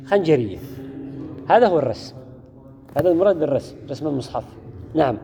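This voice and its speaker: A man with a somewhat high, sing-song voice speaks quickly and mellowly over soft background music. He's teaching a class on Quran orthography, repeating key words and putting questions to his students. The recording is dull and lo-fi, made in a reverberant hall.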